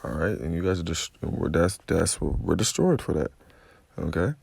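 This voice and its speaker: A man's voice: sits low, normal speed, creaky, darkish tone, slightly rough, no echo. A man giving a confrontational, profane religious rant, constantly repeating "okay?" as he preaches. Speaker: religious commentator.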